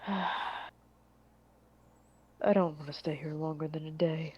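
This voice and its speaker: Woman, tabletop player, slow, flat, low-ish, dull lo-fi sound. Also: breathy edge. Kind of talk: casual chat.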